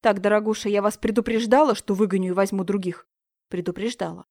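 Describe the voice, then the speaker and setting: A woman's voice: medium pitch, flat delivery, fast, a little mellow, dry recording, clean studio sound, close to an everyday voice. A woman reading an audiobook, voicing a strict young choir teacher who scolds her pupils firmly. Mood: stern. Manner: stern, scolding.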